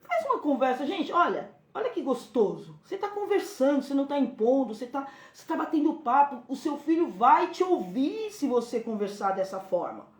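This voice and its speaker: Brazilian woman with a lively, high voice. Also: brisk, few pauses, echoey room. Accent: Brazilian Portuguese. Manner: animated, acts out gentle talks with a child. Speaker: parenting channel host. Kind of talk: live stream advice talk.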